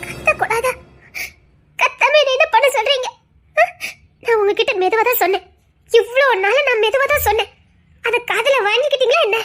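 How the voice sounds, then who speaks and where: A woman voicing a hurt young wife in a Tamil audio drama, pleading and tearful, rising to shouts. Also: very high-pitched, moderate pace, long pauses. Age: young adult.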